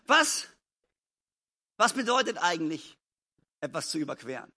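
A man preaching a live evening sermon in church as pastor, emphatic, repeating phrases and swinging between loud calls and quiet, close passages. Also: fairly high pitch, slightly rough. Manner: admits to stumbling over sentences and grammar. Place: church service.

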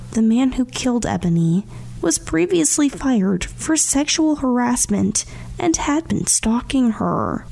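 A woman presenting scripted local radio news in a measured, formal newsreader delivery. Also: fairly high pitch, vocal fry, darkish tone.

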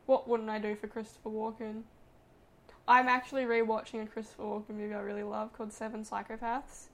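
A woman co-hosts a podcast, chatting casually and gushing like a gossipy storyteller. Her pitch is fairly high, her tone level, and she talks fairly quickly.

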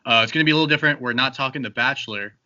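A man's voice: mid-range voice, racing, pushed and bright, muffled recording. A man hosting a casual podcast chat, joking and loose, with plenty of fillers. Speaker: podcast host.

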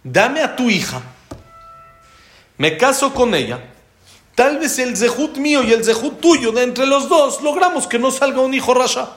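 A man's voice: sits high, very animated, slow pace, pauses often, fairly bright tone, echoey room, faint music behind, voice pushed up, heavily acted. A man voicing an earnest ancient king who argues and pleads as he retells a religious story. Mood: contrite.

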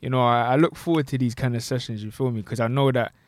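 A man's voice: mid-range voice, steady tone, quick pace, no room sound. Young London man with roadman slang. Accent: London, multicultural urban slang. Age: young adult. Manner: London roadman-style slang, frequent tag questions. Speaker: podcast co-host. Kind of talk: casual chat.

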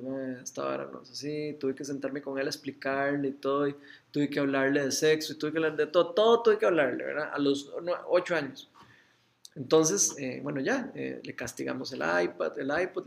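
A man's voice: on the high side, creaky. A middle-aged Costa Rican man, a father, telling a faith story in casual chat with many restarts. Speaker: father sharing a testimony.

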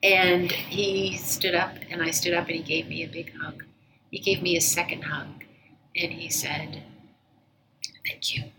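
Low-voiced woman telling a story softly. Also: little pitch movement, background noise. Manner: measured and earnest, often dropping to a near-whisper. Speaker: interview guest, former agency director. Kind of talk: reflective personal storytelling.

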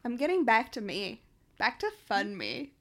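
A bubbly young woman co-hosts a podcast in loose casual chat, packed with "like" and the odd swear word. Her voice sits a bit high and bright in pitch. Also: sing-song, normal speed. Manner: bubbly, swearing, filler-heavy. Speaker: podcast co-host.

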